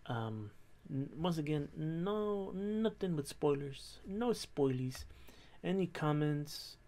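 A man in his thirties talking casually to camera in a quiet, low but clear voice, hesitantly thinking aloud as he goes. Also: animated, slow. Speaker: host of a reaction and discussion video. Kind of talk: casual unscripted commentary to camera. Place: small bedroom in an apartment.

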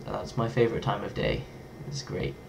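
Gravelly and lowish, the voice belongs to a young man from England speaking at normal speed over background noise. He talks playfully to his webcam in a small bedroom, a casual vlog in which he toys with foreign words in a lively way, his accent English.

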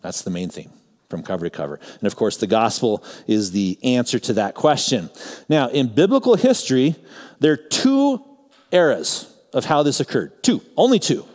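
Low-voiced man preaching in a reverberant church. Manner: teaching, conversational, swings between emphatic and quiet asides. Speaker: pastor. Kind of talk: sermon. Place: church sanctuary.

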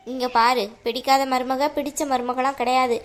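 A woman voicing a harsh, domineering mother-in-law in an animated cartoon, scolding in a bossy way. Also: high voice, moderate pace, natural voice. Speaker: voice actor.

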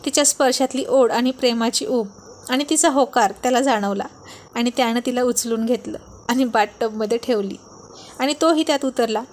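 A woman reading a romance story aloud in steady narration, slipping in English words. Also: a little high, normal speed.

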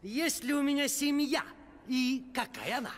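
An actor playing a provocative shopkeeper in the audience who challenges a stage performer in a period TV drama. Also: male voice, very high-pitched, normal speed. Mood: mock respect. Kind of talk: Russian period TV drama acting. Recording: reverberant hall, loud crowd.

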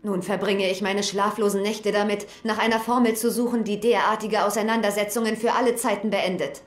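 A woman's voice: medium pitch, fairly even intonation, fairly quick, lightly acted. An actress voicing a worried, grave female gnome alchemist in a dubbed video game. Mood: ominous. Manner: grave and fretful. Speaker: game character. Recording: echoey game audio.

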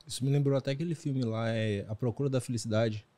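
A man's voice: mid-range voice, steady tone, fast talker, dark tone. A man with a Brazilian Portuguese accent asking questions in a casual podcast interview, chummy and joking.

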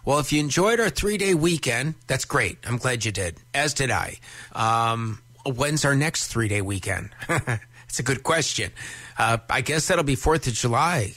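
A country radio DJ in his fifties chats between songs in a folksy, jokey, conversational manner, loud music playing beneath him. His mid-range voice has lively intonation, an unhurried pace, and no echo.

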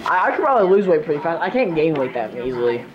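Lively young man, dull clamorous recording. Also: fairly high pitch, quick pace, a loud crowd. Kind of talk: casual chat with friends. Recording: dull camcorder audio, loud group clamour.

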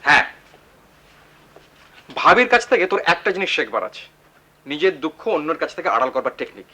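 An actor playing a blunt, teasing older brother in a 1980s TV drama, lecturing in a mocking way. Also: male voice, on the high side, very animated, fairly quick, pushed and bright, heavily acted, low-quality recording. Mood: scolding.

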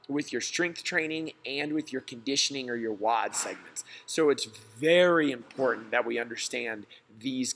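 A man's voice: medium pitch, fairly bright tone, slightly rough. A man, a gym coach, giving a slideshow lesson in a plain, reassuring way.

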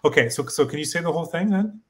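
A man's voice: a little high, animated, quick pace, a bit bright. A man in a casual language lesson, taking the learner's part. He tries out new sentences with some hesitation and keeps checking with his teacher through questions.

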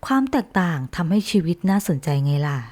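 A woman's voice: fairly low pitch, expressive, a little fast, a little mellow, lightly acted. A woman doing an old magical talking tree. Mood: kindly. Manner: grave, old-fashioned speech.

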